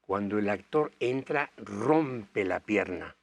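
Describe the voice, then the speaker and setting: The speaker is an older man from Bolivia, an actor appearing as a guest, who was raised on tour across South America. In a low, creaky voice with lively intonation, he slowly rambles through long anecdotes in his interview answers, using many fillers.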